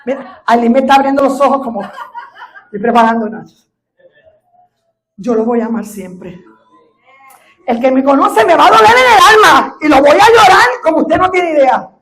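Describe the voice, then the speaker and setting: A middle-aged Puerto Rican woman pastor preaching a sermon, telling a personal testimony that builds to fervent shouting. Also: high-pitched, lively intonation, moderate pace, long pauses. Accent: Puerto Rican Spanish. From Puerto Rico.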